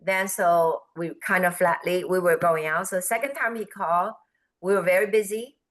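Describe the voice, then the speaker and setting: Animated woman telling a business story. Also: fairly low pitch, moderate pace, low-quality recording. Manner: animated, quotes people in raised voices, laughs. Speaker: guest speaker on business forum. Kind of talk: storytelling in a video call. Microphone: video call.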